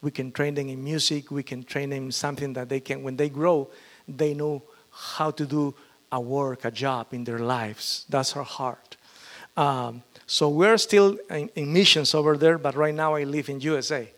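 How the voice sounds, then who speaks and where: Pastor, halting delivery. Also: male voice, medium pitch, steady tone, fairly bright tone. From Peru. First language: Spanish. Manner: halting, with frequent fillers and restarts. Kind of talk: testimony sermon.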